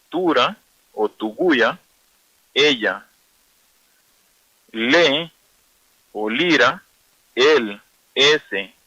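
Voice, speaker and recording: A man teaching a language lesson on radio, explaining words slowly and repeating them for learners. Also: mid-range voice, bright, forceful tone, dry recording, highs cut off.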